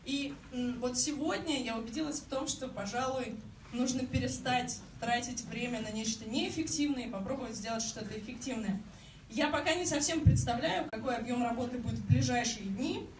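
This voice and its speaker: Speaking slightly high and a bit quickly, this twenty-something campaign office coordinator talks to a public meeting with earnest hesitation and frequent restarts. Crowd noise fills the packed indoor meeting room, and the distant microphone leaves the sound echoey and noisy.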